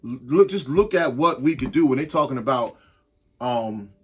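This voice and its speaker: A man's voice: medium pitch, animated, moderate pace, slightly rough, faint music behind. A man co-hosting a casual sports podcast, talking loosely with frequent restarts and slang. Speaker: podcast co-host.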